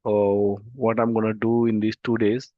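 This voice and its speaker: Hampered by a throat infection that muddies his voice, a database instructor with an Indian English accent stumbles slowly through an online demo lecture, filling gaps with "uh." His pitch is on the low side with little movement. The computer-mic video-call sound is dull and dry, with no echo.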